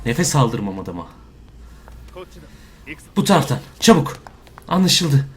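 An excitable young man commentates a fighting game, trash-talking the screen and jumping into sudden shouts. His voice sits a little high and swings widely in pitch. Faint music plays behind him. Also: fairly quick. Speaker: gameplay commentator. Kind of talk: casual let's-play commentary.

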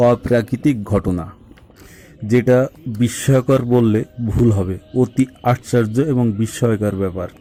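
A man's voice: on the low side, dark tone. A man giving explanatory nature commentary, directing viewers' attention to what he is watching. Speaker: amateur wildlife video narrator.

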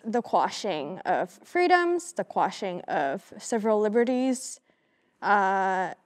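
A woman's voice: mid-range voice, darkish tone. A woman, born in Hong Kong, speaking earnestly and emphatically as an activist guest on a studio panel. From Hong Kong, raised in Canada. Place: dark studio stage.

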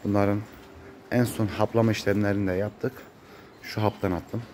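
Muffled and congested by a cold, a man who farms cattle chats casually with his vlog viewers in a flat, low, darkish voice at normal speed. He is in an open-sided barn with a metal roof, and the handheld phone recording is noisy.

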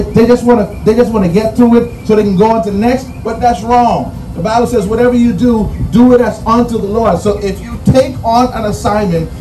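A high-voiced Bahamian man delivers a graduation address with a preacher's cadence, hammering home numbered points and repeating phrases for weight. His tone is mellow rather than bright, and he sounds set back from the mic in a roomy, echoing space. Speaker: commencement speaker. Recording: roomy echo, distant mic, faint music.

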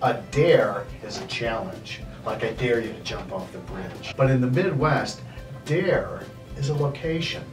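A man's voice: mid-range voice, animated, measured pace. A middle-aged man explaining Midwestern habits in a folksy comic monologue to camera. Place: indoor studio set. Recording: echoey room, distant mic, faint music.

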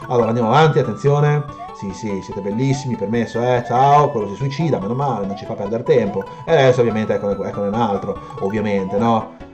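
A man commenting live on a video game he is playing, excitable and swearing, yelping and joking at what happens on screen. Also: lowish voice. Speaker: streamer. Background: game music.

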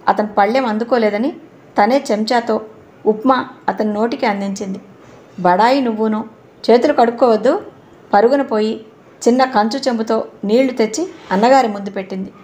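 A woman's voice: fairly high pitch, brisk, a little mellow. Woman narrating an audio novel.

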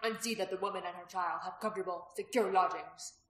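A woman's voice: lowish voice, steady tone, fairly quick, fairly bright tone, close to an everyday voice. A woman reading the part of a blunt, hardened former gladiator who speaks curtly and dryly, in a storybook reading. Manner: curt, dry, firm. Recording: roomy echo.

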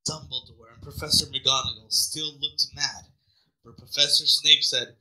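A man's voice: fairly high pitch, steady tone, moderate pace, sharp tone, rough recording. A young man reading a bad fanfic aloud to friends, wry and amused, stopping to comment and laugh. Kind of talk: dramatic read-aloud with commentary.

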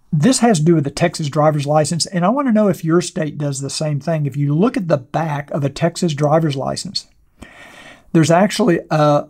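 Losing his voice to hoarseness, an older motorcycle channel host answers viewer questions in a casual, rambling talk to camera, with plenty of fillers and restarts. He sits at a desk in a small studio wearing a wireless clip-on mic. His voice runs on the high side and is a little mellow.

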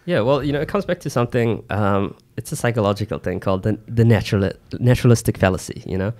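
A man explaining things informally and haltingly as a podcast co-host, close on a studio mic. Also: on the low side, darkish tone. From New Zealand. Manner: halting, informal, peppered with "you know". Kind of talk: casual explanatory chat. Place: small indoor podcast studio. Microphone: close boom-arm studio mic with headset.

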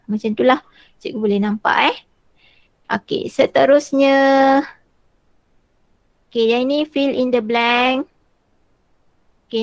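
A woman teacher, demonstrating a tool in an online workshop and filling pauses with "ah" over a video call. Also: fairly high pitch, gravelly, no echo. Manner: chatty, frequent "ah" fillers while walking through screens.

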